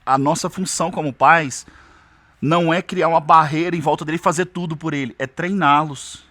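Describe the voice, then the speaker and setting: Brazilian guy, fairly high voice, blunt advice straight at parents, dry sound. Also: fairly even intonation, a little fast, no echo. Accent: Brazilian Portuguese. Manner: forceful, direct, addresses parents head-on. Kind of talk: emphatic advice talk.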